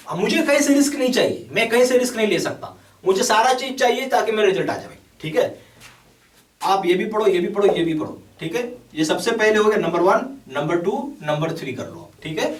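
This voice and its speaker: Guy coaching for bank exams, pushy and repetitive, slightly high voice, off-mic. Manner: repeats "okay" often, urging and emphatic. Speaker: bank exam coaching teacher. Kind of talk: explaining a course to students. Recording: echoey room, mic at a distance.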